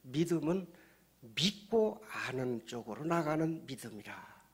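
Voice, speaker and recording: A man, a pastor, preaching a sermon, swinging from hushed storytelling to loud shouting and acting out the dialogue of his stories. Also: mid-range voice, expressive, unhurried, slightly rough.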